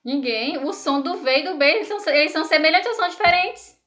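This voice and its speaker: A woman's voice: high-pitched, lively intonation, quick pace, fairly bright tone, slight background noise. A woman from Brazil teaching an online language lesson, explaining patiently, asking the class questions and reading exercises aloud. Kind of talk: online Spanish lesson for students.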